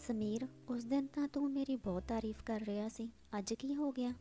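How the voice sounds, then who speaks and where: A playful young wife in a storybook reading, voiced by a woman narrator. She teases and coaxes in a fairly high, mellow voice. Faint music plays underneath. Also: normal speed, lightly acted. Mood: teasing. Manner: playful, coaxing delivery.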